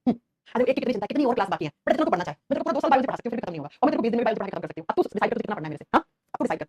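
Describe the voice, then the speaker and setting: Fast-talking, animated woman teacher. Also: a little high, a little hiss or hum. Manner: animated, scolding and affectionate, calls students "beta". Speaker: biology teacher. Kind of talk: live online class answering chat comments.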